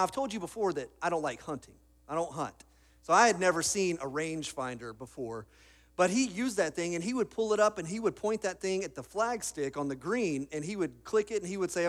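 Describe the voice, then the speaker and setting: A man preaching a sermon, telling stories in a casual way with frequent restarts. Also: high voice. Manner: casual storytelling with repeated restarts. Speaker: pastor.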